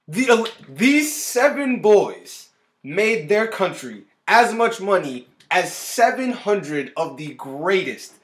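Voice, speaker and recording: A young man in his twenties hosting a music reaction video, excitable and often cutting himself off to react, recorded in a small room on a webcam. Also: sits high. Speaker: music reaction channel host. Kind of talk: casual reaction commentary. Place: small indoor room with a guitar on the wall.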